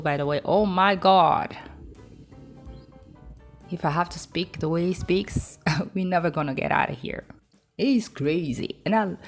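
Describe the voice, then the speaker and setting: A woman's voice: fairly low pitch, darkish tone. A woman from Africa with an African accent, hosting a reaction video in a chatty, rambling, frank way. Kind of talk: casual chat.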